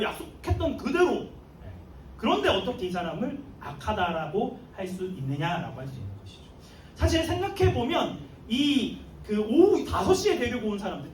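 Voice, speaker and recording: Speaking in a very high-pitched voice, this man is a youth pastor preaching to a youth group in a church sanctuary, spinning the story with lively slang and chuckles. There's a slight hiss or hum, and the distant mic captures plenty of room echo.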